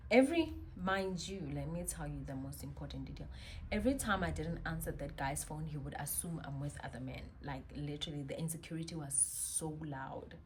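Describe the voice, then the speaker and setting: A young woman telling a personal story in a vlog, animated and slangy, with sudden loud bursts. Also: deep voice, a little fast, slight background noise. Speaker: vlogger.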